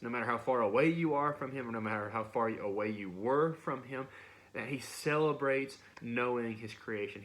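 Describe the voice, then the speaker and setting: A young man gives a sermon in a relaxed, conversational way, sounding more like a talk with friends than a formal address. He often stops mid-phrase, repeats a word and starts over as he works through his point. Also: medium pitch. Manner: conversational, frequent restarts and repeated words. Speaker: preacher. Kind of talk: casual sermon.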